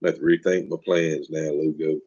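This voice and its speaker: A deep-voiced man hosts a casual livestream, chatting with viewers and joking in a folksy, easygoing way. His voice is very low and comes through a dry, slightly dull home microphone. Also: little pitch movement, a little fast, dark tone, breathy edge, no room sound. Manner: folksy, joking, reads and answers chat. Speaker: livestream host. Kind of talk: casual live-chat hosting.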